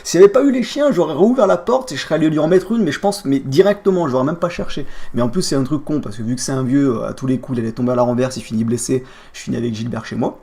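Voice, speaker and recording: Young male streamer, gravelly and quick, swearing through an angry casual rant. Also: medium pitch, mellow. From France. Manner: vulgar, heated storytelling with street slang.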